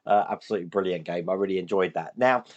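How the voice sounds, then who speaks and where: A model-building channel host, his voice hoarse and deeper than normal from shouting, chats casually and thinks aloud while working with his hands. He talks fast and comes across as chatty and self-deprecating, and the audio sounds dull.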